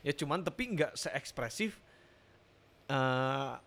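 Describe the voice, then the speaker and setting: Animated man with strong Sundanese accent. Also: mid-range voice, slow. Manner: animated storyteller, many nods of agreement. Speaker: podcast co-host. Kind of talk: casual chat.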